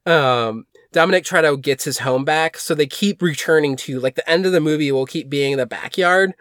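A man chats casually on a podcast and recaps movie plots, rambling with plenty of fillers and false starts. His voice sits a little high. The recording is dry and close, with no room sound. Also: normal speed, a bit bright, no echo. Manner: rambling, many fillers and restarts. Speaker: podcast co-host.

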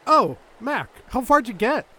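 A man's voice: very high voice, very animated, a little slow, sharp tone, heavily acted. A man playing a sarcastic, troublemaking young soldier in a comedic audio drama. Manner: smug, sarcastic.

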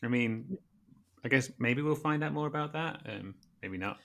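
A man's voice: mid-range voice, normal speed, gravelly, a bit bright. A man co-hosting a casual chat, easygoing and hesitant with many ums. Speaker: podcast co-host.

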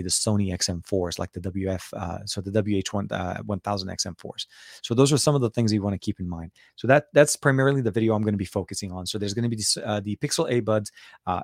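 A middle-aged man with a lowish voice, a little coarse and worn after a late night, hosts a casual tech livestream. He rambles and often rephrases himself as he talks to viewers. The sound is dry and close, with very little room. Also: darkish tone, no room sound. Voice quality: slightly coarse voice. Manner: rambling, repeats and rephrases words. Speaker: tech reviewer and livestream host.

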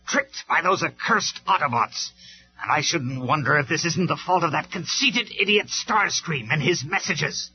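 A narrator voicing a furious male robot warlord in a cassette story, his voice pushed up and loud. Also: fairly high pitch, animated, normal speed, voice pushed up, natural voice. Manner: raging, storming. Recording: dull lo-fi cassette recording.

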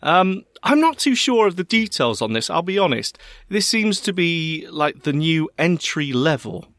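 Man, West Country Bristolian accent, higher-pitched, very lively intonation, playful podcast banter, theatrical delivery. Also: a little slow, no room sound. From Bristol, England. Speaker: podcast co-host. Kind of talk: casual banter.

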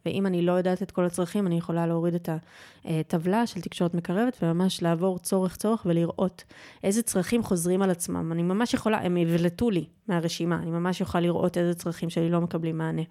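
A woman speaking as a podcast guest and yoga teacher, talking gently and deliberately and repeating phrases for emphasis. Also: fairly low pitch, steady tone. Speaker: guest, yoga teacher and personal growth guide. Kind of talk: reflective podcast conversation.

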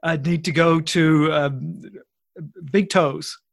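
A man's voice: fairly high pitch, steady tone, slow pace, creaky. A man improvising casually as a tabletop player, with hesitant, piecemeal delivery. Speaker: player in tabletop role-playing game. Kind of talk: casual improvised game chat.

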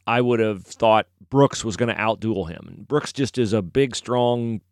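A man's voice: medium pitch, clear, resonant tone, dry recording, studio quality. A middle-aged man giving casual, opinionated solo sports commentary, rambling and correcting himself as he goes.

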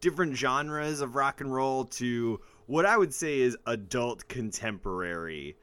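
A man's voice: mid-range voice, animated, measured pace, a bit bright, clean tone, no room sound. A man co-hosting a podcast in casual chat, rambling, trailing into fillers and laughing often. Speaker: podcast co-host. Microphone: podcast microphone.

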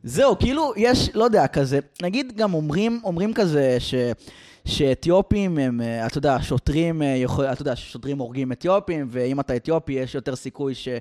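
A man's voice: on the high side, expressive, a little mellow. A man who is a comedian and podcast co-host, telling rambling, hesitant stories in casual chat. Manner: rambling, hesitant storytelling full of trailing restarts.

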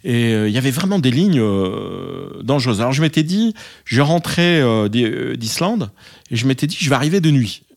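A man's voice: medium pitch, very animated, gravelly. Hesitant man telling a flying story. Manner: halting, many fillers and restarts; acts out radio calls in English. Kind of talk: casual anecdote.

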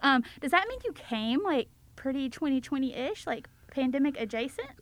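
Woman, high-pitched, podcast host, casual, playful, effusive, dry close recording. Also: lively intonation, normal speed, no echo. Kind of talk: casual chatty interview.

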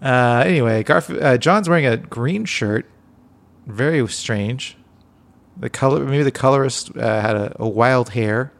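A man co-hosting a casual comedic podcast, talking in a quiet, low-key late-night way with a halting, rambling, dry joking delivery. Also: vocal fry. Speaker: podcast co-host.

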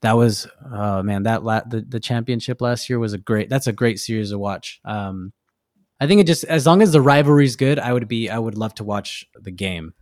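A man's voice: on the low side, normal speed, darkish tone, no room sound, clean studio sound. Rambling laid-back male guest. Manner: loose and rambling, many fillers and restarts, laughs easily. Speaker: guest, tattoo artist. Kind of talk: casual interview chat.

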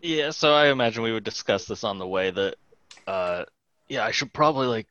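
A man's voice: on the low side, animated, a little fast, bright, forceful tone, dull audio. A man chatting casually and improvising as a player in a tabletop game. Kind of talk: casual chat, improvised role-play.

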